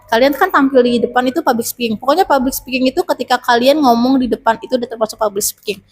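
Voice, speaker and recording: Woman, teacher, casual advice, chatty, rhetorical questions, slightly high voice. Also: quick pace. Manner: chatty, gives tips with many rhetorical questions. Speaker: teacher interviewed about public speaking.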